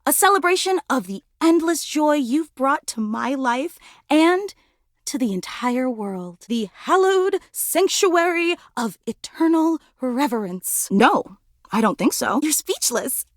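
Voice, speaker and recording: She's a clingy, fawning superfan of a video game, voiced in heavily acted character style with a high, sing-song pitch that swings widely. Gushing and reverent, she pours out overemotional, melodramatic devotion, taking it slowly. The recording is dry and close, with no echo or room sound.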